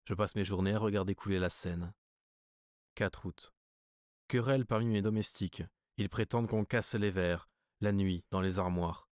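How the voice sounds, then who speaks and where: A man reading a literary story as an audiobook narrator, measured and even. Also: low voice, no echo, clean studio sound. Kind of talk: scripted narration.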